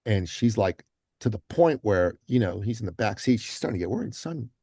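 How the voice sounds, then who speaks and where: A man's voice: lowish voice, fairly quick, husky, no echo. Man, podcast guest, casual storytelling, lots of fillers, dry close sound. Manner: animated storyteller, acts out quotes; frequent fillers like um and you know.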